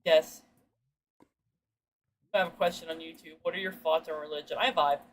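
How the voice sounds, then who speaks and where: Talking at normal speed over slight background noise, a woman with a fairly deep voice for a woman chats casually with her stream's viewers as she games. Her rambling stories are slangy and sweary, and she acts out what people said with lots of animation.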